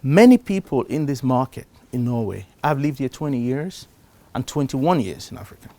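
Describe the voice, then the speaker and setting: A middle-aged man from Cameroon speaks on a conference stage to a live audience. His pitch sits in the middle of the range. He talks in a lively way and keeps raising his voice for emphasis. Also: normal speed. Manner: animated, shifts loudness for emphasis. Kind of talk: live talk on investing.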